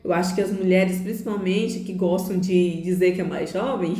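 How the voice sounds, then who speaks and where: A middle-aged woman hosting a reflective monologue, unhurried, with soft laughs and frequent tag questions. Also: fairly low pitch. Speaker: host. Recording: echoey room.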